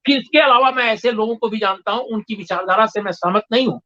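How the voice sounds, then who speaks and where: A man speaking as a guest in a discussion, measured and emphatic, pausing often with fillers as he builds his argument. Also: high-pitched, pushed and bright. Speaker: guest commentator. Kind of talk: discussion interview. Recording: dull lo-fi sound.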